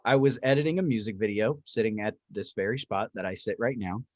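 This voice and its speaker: A man in his twenties co-hosting a casual podcast from his apartment, telling stories in an animated, profane way. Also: lowish voice, brisk, dry recording. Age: 20s. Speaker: podcast co-host. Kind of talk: casual chat. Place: apartment room.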